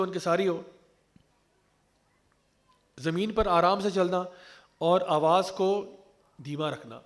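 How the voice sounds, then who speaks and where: A man giving an earnest religious talk on parenting, explaining point by point and mixing in English terms. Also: sits high. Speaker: Islamic speaker.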